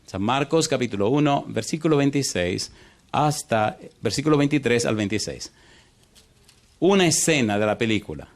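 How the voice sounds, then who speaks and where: Here a man gives a sermon as pastor, animated throughout. He speaks at a medium pitch, repeatedly tests the listeners with yes-or-no questions, and alternates hurried stretches with long, drawn-out ones.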